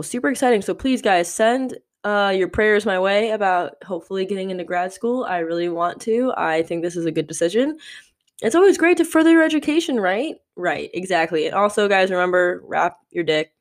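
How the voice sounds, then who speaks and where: A woman's voice: medium pitch, brisk, hardly any pauses. A woman in her twenties hosting a solo podcast, talking candidly and rambling with lots of "like" fillers. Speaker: podcast host.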